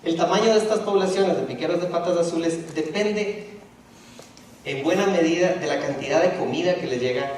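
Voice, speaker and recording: A middle-aged man from Ecuador gives a lecture in a big auditorium, his fairly high voice carrying through a strongly echoing hall. He sounds set back from the microphone and stops and restarts often, with a faint hum of room noise behind him. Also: normal speed, darkish tone. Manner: hesitant, with frequent restarts and fillers. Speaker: speaker presenting a talk. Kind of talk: public lecture. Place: university auditorium. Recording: echoey hall, distant from the mic.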